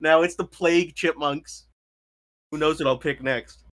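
A man's voice: a little high, unhurried. A man co-hosting a podcast, bringing up news items and joking about them in casual talk. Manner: animated, joking, reads headlines aloud. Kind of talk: casual political chat.

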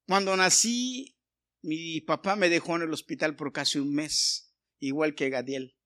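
Man, pastor, middle-aged, fairly high voice, sermon, chatty storytelling, restarts. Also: a bit bright. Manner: conversational preaching with personal stories, frequent restarts.

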